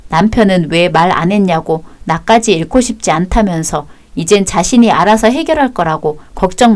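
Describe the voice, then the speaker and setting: A woman narrating a dramatized personal story in a calm, formal, scripted way. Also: on the low side.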